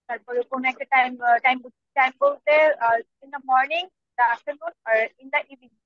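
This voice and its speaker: Woman, Bangladeshi accent, student, halting, high voice, dull recording. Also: no echo. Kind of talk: answering in class.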